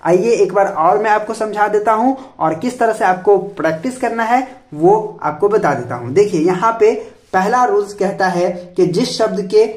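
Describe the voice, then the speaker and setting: A man's voice: high voice, normal speed. A man teaching English spelling in a video lesson. He spells words out letter by letter, asks each answer back as a question, and keeps adding a filler tag to check in. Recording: roomy echo.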